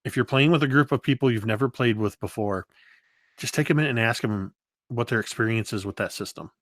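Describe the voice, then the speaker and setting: A man guesting on an interview, telling game-table stories in a lively, animated way. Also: mid-range voice, brisk, dry recording, clean studio sound. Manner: lively storyteller, does voices and moves around. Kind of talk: casual interview talk.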